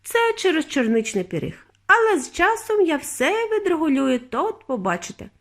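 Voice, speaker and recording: A woman's voice: big pitch swings, moderate pace. Woman doing a sighing eccentric candy maker. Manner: lower, sighing, apologetic.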